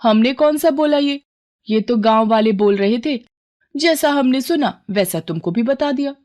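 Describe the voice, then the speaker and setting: A woman's voice: fairly high pitch, lively intonation, moderate pace, darkish tone, voice pushed up, natural voice. A woman voicing gossiping village women, chatty and defensive. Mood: gossipy.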